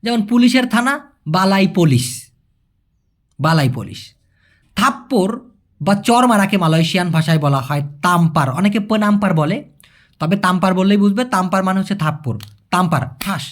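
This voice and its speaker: A man from Bangladesh teaching a language lesson. He explains patiently, says each word slowly more than once and stops to check that listeners follow. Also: sits high.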